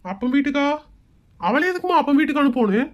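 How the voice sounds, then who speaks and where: A woman's voice: high voice, lively intonation, fast talker. A woman voicing a harried middle-aged husband and son in a cartoon skit, pleading and soothing.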